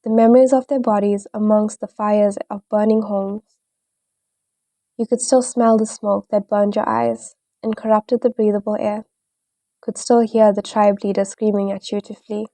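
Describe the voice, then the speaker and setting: A woman reading an audio fanfiction in a steady second-person storytelling style. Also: mid-range voice, moderate pace, no room sound. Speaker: narrator.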